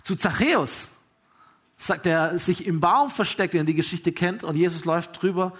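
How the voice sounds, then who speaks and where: A man's voice: sits high, moderate pace, fairly bright tone, slightly rough. A man preaching a sermon with earnest encouragement, retelling scripture stories. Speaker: pastor.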